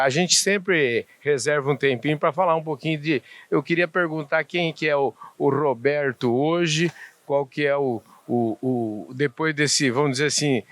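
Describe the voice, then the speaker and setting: Chatty Brazilian host, higher voice. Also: male voice, a bit bright, dry recording. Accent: Brazilian Portuguese. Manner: chatty, fumbling questions, frequent backchannel. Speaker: interview host. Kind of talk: casual interview.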